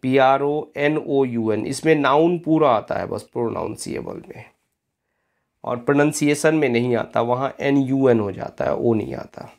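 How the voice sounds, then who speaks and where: A male English teacher leads an exam-prep spelling lesson at an unhurried pace. His voice has a gravelly fry to it. He spells words out letter by letter, deliberately, and keeps addressing his students as friends. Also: medium pitch, a little mellow.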